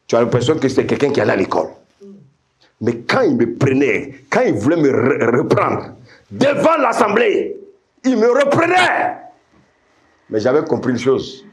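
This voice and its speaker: A middle-aged man preaching a sermon with passion, repeating phrases, dropping to low asides and climbing to high shouted refrains while calling out to his congregation. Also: lively intonation, normal speed. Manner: addresses the congregation directly with call-and-response.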